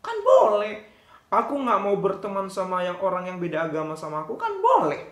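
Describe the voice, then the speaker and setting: A man's voice: sits high, fast, fairly bright tone, roomy sound. A man voicing a stubborn young child who whines and protests insistently. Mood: defiant. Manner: whining, insistent, rising protests.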